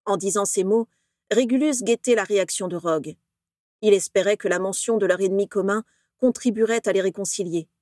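Woman reading a fanfic out loud, steady narrator voice, dry recording. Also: mid-range voice, brisk, no room sound. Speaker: reader. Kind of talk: audiobook narration of fan fiction.

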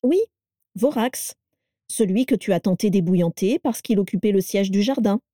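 A woman's voice: medium pitch, measured pace, no room sound, clean studio sound, close to an everyday voice. Woman reading as a placid, self-assured old mother. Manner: placid, breezy, gently mocking. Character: cheerful, self-assured elderly mother who keeps strange animals.

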